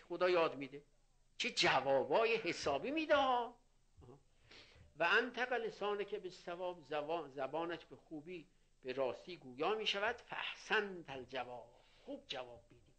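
This preacher's voice is high, animated, pushed and bright. An older man of the clergy, he gives a sermon in which he recites Arabic quotations, explains them simply in Persian, and tells anecdotes.

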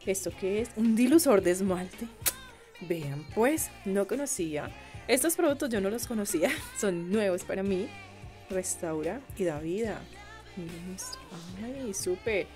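A young Colombian woman with a Colombian accent, chatting warmly with viewers as a beauty vlogger, gushing and exclaiming over products she unboxes. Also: medium pitch, animated, a little slow, faint music behind. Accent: Colombian Spanish.

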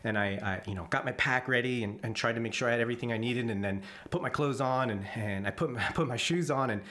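A fast-talking man with a medium-pitched, fairly bright voice narrates a casual voice-over about his memories of the jungle. The vlogger chuckles often and keeps restarting his sentences, and the recording wasn't made in the jungle itself.

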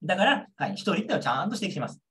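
A man's voice: on the high side, very animated, very fast, pushed and bright. A young man lecturing on a model exam answer, repeating key points and checking understanding with rhetorical questions.

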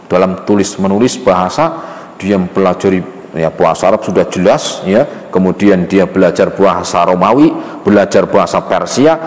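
A male preacher gives a storytelling sermon in a low voice, acting out the dialogue in a folksy way. He keeps dropping a casual "ya" between phrases. The sound is recorded in a roomy mosque hall with a long, ringing reverb. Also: a little mellow, a little hiss or hum. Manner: folksy, acts out dialogue, frequent "ya" fillers.

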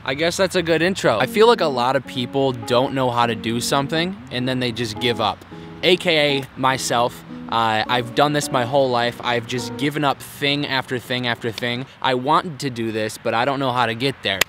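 Over music, a young man with a mid-range voice talks at normal speed while vlogging to camera in a city park. He's crude and blunt, swearing heavily and mocking himself throughout his casual talk.

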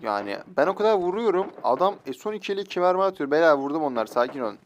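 A young man streaming a mobile shooter game, excitable, swearing and joking at other players as he plays. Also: on the high side, very fast, lo-fi sound, noisy background. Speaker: gaming streamer. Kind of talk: live mobile game commentary. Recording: faint game gunfire behind.

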